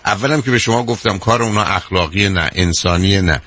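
A man's voice: sits low, bright, forceful tone, breathy edge. An older man hosting a radio call-in advice show, talking emphatically and repeating his points, calling the caller dear.

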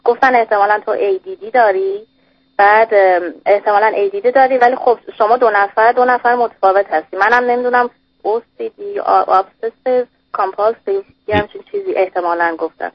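A woman's voice: medium pitch, expressive, dry recording. A woman calling in to an advice radio show by phone, telling her story in a rambling, hesitant way and dropping in English words. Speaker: caller. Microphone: telephone. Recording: muffled phone line on radio.

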